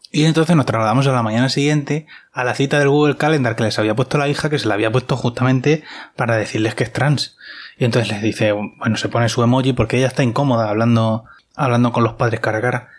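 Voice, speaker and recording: A man's voice: mid-range voice, fast talker. Chatty man from recapping a series. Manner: chatty, wry retelling with filler asides. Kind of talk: casual episode recap.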